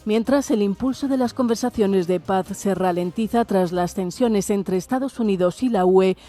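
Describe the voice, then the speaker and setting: Woman reading news in a mellow voice. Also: mid-range voice, moderate pace. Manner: steady, formal news read. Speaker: news reporter. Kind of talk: news narration.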